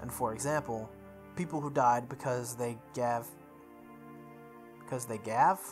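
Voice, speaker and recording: With music behind them, a person with a medium-pitched voice reads a visual novel aloud during a playthrough, a little slowly. They trip over words, repeat phrases, and make casual asides.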